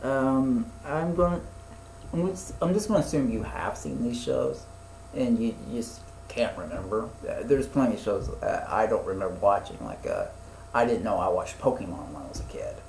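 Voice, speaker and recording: A man's voice: on the low side, sing-song, moderate pace, darkish tone. A man in his twenties chatting casually as a podcast co-host, rambling and a bit profane, with many fillers. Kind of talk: casual chat. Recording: echoey room with faint noise.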